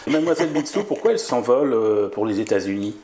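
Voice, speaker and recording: A man's voice: medium pitch, animated, fast, mellow. A man interviewing a guest, asking short prompting questions with some hesitation. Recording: roomy echoey sound.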